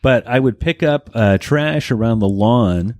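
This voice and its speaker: A man from Northern California co-hosting a podcast, relaxed and reminiscing, with jokey asides. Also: medium pitch, a little slow, no echo. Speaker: podcast co-host. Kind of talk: casual podcast chat.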